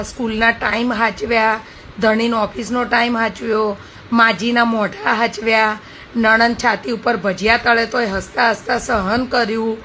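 A woman doing a wry, deadpan comic monologue as a housewife. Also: on the high side, a little hiss or hum, low-quality recording. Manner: wry, deadpan self-mocking.

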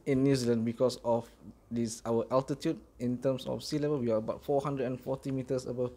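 A man's voice: medium pitch, steady tone, fast, dark tone. A middle-aged man from Singapore, founder of a small mosque, answering interview questions steadily with many ums, recorded indoors on a handheld mic. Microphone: handheld mic held by interviewer.

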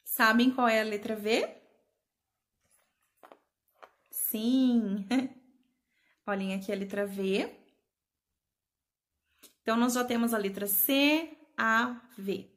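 A patient preschool teacher speaking to small children, spelling out letters and syllables one by one. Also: female voice, a little high, slow, long pauses, a bit bright. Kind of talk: slow remote lesson for young children.

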